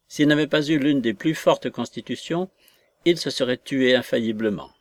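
A kindly landlady, quick to exclaim and fuss, voiced by a man reading aloud. The recording is dry and close. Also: mid-range voice, dry recording, natural voice. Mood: alarmed. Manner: excitable exclamations. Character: kindly landlady, excitable and fussing.

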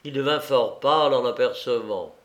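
A man narrating a classic novel in a measured, unhurried reading. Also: mid-range voice. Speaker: audiobook narrator.

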